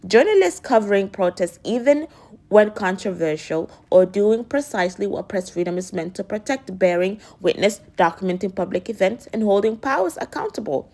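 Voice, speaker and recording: A woman hosting a news commentary channel, reading out reactions in an earnest, emphatic way with a hoarse, raspy voice. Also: mid-range voice, animated, moderate pace, a little mellow. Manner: earnest, emphatic delivery with occasional slips and restarts. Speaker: host of an immigration news channel.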